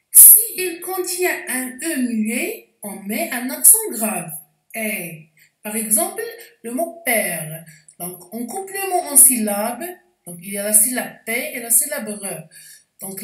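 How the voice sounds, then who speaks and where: A woman teaching a spelling lesson, explaining slowly and carefully with frequent hesitations. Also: fairly high pitch. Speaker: French teacher. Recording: echoey room, voice distant from mic.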